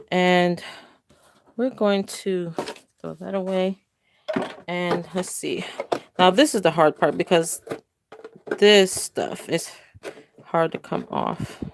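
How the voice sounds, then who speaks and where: A woman's voice: fairly low pitch, takes it slowly, gravelly, pauses often, background noise. An older woman hosting a casual crafting livestream from home, chatting in a rambling, self-correcting way. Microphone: phone camera.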